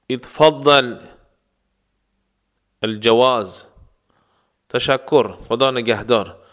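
A man teaching travel phrases, explaining words and repeating them slowly for practice. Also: medium pitch, fairly bright tone. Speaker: language teacher. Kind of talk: phrase lesson with slow repetitions.

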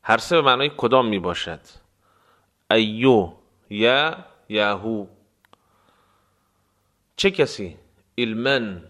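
Man teaching phrases by slow repetition. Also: lowish voice, expressive, a bit bright. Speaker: language teacher. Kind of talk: spoken phrase lesson with repetition.

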